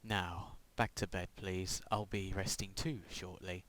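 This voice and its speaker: A young man voicing a creepy father in a hushed, near-whispered tone on a cheap headset mic. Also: low-pitched, flat delivery, a little slow, slight background noise, voice pushed down. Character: creepy soft-spoken father. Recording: lo-fi game audio with music.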